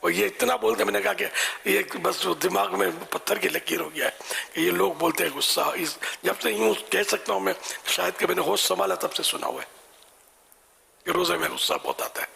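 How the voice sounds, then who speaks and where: An older man answering religious questions in a folksy, conversational way, quick to laugh. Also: sits high, fairly even intonation, creaky, bright, forceful tone.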